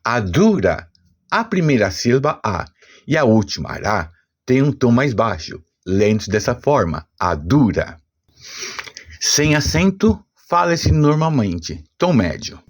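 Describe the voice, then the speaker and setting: A Brazilian man gives a scripted language lesson. His voice is slightly husky and his pitch moves a lot. He talks slowly, sounding out each example with care. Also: very animated. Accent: Brazilian Portuguese. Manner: slow, deliberate explanation with spelled-out examples. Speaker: language teacher.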